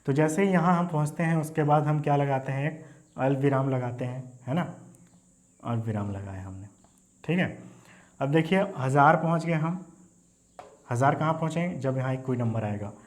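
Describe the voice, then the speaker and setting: A man teaching a maths lesson in Hindi, mixing in English terms and often checking in with "okay?". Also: mid-range voice. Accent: Hindi, Indian. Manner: repeats "ठीक है" and "है ना" as check-ins, mixes English terms into Hindi. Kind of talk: classroom lesson explaining number places.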